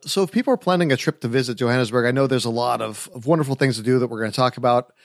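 A man's voice: medium pitch, very fast, no room sound, studio quality. A man hosting a travel podcast, upbeat and enthusiastic as he asks his guest questions. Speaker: podcast host. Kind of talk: podcast interview.

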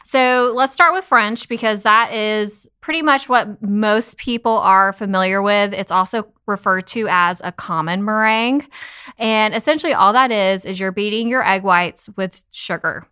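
Female test kitchen director, calm explainer, smooth and bright. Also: mid-range voice, normal speed. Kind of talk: casual podcast chat.

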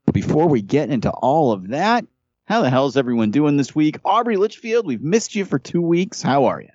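A man's voice: mid-range voice, very animated, fairly quick, mellow, no echo. Joking upbeat guy hosting a podcast, dry kinda dull lo-fi sound. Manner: upbeat, joking, theatrical host intros. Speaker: podcast host. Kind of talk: casual chat.

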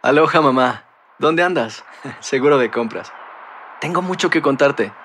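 A young man delivers a scripted radio ad in a cheerful, chatty tone, as if calling home. His voice is mid-pitched. A faint hiss sits under it. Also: animated, a little slow, a bit bright. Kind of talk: scripted ad monologue.

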